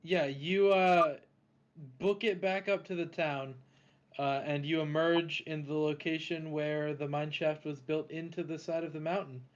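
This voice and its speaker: A man running a tabletop game as dungeon master, his narration halting and padded with fillers. His voice sits a touch high for a man, and the recording comes through slightly dull and lo-fi. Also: steady tone.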